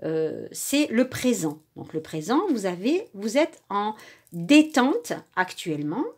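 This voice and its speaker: A woman's voice: mid-range voice, sing-song, slow, a little mellow, slightly rough. A woman reading tarot and oracle cards for her viewers in a casual, chatty way, full of little fillers and the odd stumble over her words. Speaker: tarot and oracle card reader.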